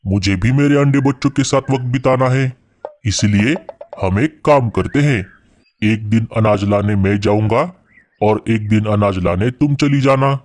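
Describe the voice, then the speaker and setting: A man voicing a steady, reassuring father bird in a cartoon, calmly explaining plans. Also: fairly low pitch, a little slow, natural voice. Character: calm, reassuring father bird, practical provider.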